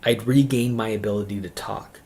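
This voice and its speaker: A man telling his personal conversion testimony in an earnest, halting way, repeating phrases and often saying "like". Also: on the low side, steady tone, a little mellow. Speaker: speaker giving a religious testimony.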